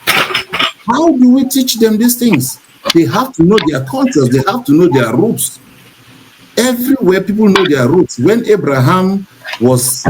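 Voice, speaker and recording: A Cameroonian man hosts a talk show discussion in a measured, preachy way, repeating points for emphasis. His voice is a little high, and the recording is very noisy.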